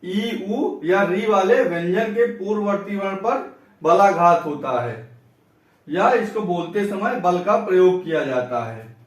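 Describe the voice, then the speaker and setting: Slow-dictating man teacher in echoey room. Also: sits high, animated, distant mic. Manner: slow, dictating phrase by phrase, repeats examples. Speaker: grammar teacher. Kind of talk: classroom lesson.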